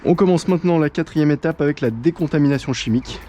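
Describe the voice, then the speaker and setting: A man with a warm, mellow voice explains a hands-on task one step at a time in a relaxed, casual way. He often pauses to hesitate mid-sentence. Faint music plays behind him. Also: fairly high pitch. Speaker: channel host. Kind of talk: casual how-to tutorial.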